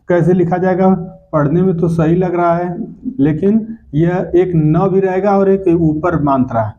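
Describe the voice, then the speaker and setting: Man teaching spelling, slow and repetitive. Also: on the high side, warm tone. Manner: explains step by step, repeats each correct word slowly. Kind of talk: spelling lesson lecture. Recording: dull lo-fi recording.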